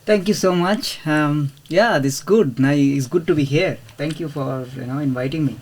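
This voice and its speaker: A man's voice: on the high side, normal speed. A man in his thirties, originally from India, speaking as a guest in a casual interview, with frequent fillers and restarts. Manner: hesitant, many fillers and restarts. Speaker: podcast guest, property investor.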